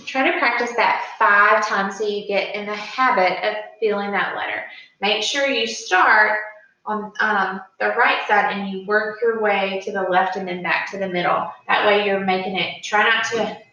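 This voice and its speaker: Bright-voiced woman teacher in an echoey room. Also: mid-range voice, muffled recording. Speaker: early-grade teacher. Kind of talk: informal instructional video lesson for young children. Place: indoor room at a smartboard. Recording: very echoey room, slightly distant mic.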